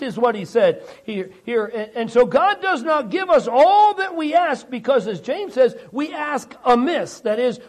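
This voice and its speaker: A man preaching a sermon in a conversational way, chuckling and asking the congregation rhetorical questions. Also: very high voice. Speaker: pastor.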